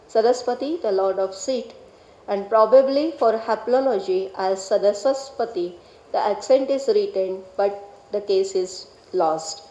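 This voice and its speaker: A woman delivers a formal lecture in a measured, deliberate way, carefully spelling out each technical term. Her voice is dark and mellow. The sound carries the echo of a lecture hall. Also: medium pitch, dull audio. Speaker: lecturer on Vedic grammar.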